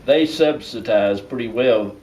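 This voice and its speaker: A man's voice: mid-range voice, unhurried, a little mellow. An older man with an Appalachian Southern accent, reminiscing casually in folksy, colloquial speech. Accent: Appalachian Southern American. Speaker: storyteller sharing family memories. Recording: distant mic with clear background noise.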